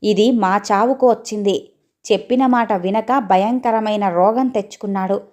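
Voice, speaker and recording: Harsh nagging mom, as a lady storyteller puts her on, loud and cursing, audio story. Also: medium pitch, normal speed, natural voice. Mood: scolding. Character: harsh sharp-tongued middle-aged mother.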